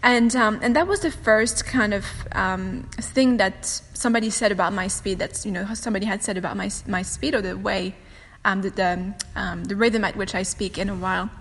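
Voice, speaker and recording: A French-speaking woman, a podcast host and meditation teacher, talks quickly and chattily on her solo show, laughing often. Her voice is mid-range with a steady tone. She's in a home room with a fireplace on a windy day, so there's long room reverb and a faint wind whoosh from the fireplace.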